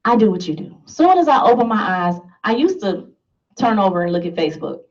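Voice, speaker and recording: A woman's voice: mid-range voice, big pitch swings, brisk, recorded from a distance, lo-fi sound. A woman giving an emphatic motivational talk to a live audience, laughing and asking the listeners questions. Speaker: motivational speaker.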